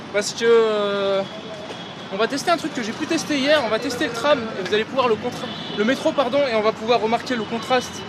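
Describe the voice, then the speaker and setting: Chatty French vlogger, high voice, street noise. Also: male voice. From France. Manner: chatty, informal, addresses viewers as "les gars". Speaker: travel vlogger. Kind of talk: casual travel vlog to camera. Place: outdoors on busy city streets, later in a quiet metro station. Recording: loud street noise behind. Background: traffic and street noise.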